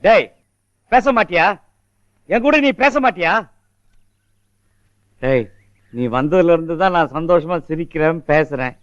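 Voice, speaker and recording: A man's voice: a little high, lively intonation, measured pace, pauses often, smooth. An actor playing a proud, stubborn but tender-hearted old grandfather who scolds and pleads in everyday speech. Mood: hurt. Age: older. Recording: muffled film audio with music.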